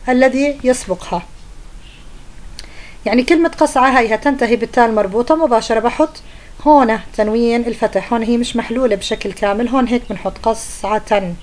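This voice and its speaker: Quick-talking woman teacher. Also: fairly high pitch, a little mellow. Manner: patient, checks in with pupils often. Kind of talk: explaining a grammar lesson to pupils.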